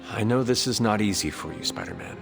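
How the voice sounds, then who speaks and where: An actor playing a calm male demon hunter with a measured, solemn, understated delivery in a video game. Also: on the low side, creaky, soft background music.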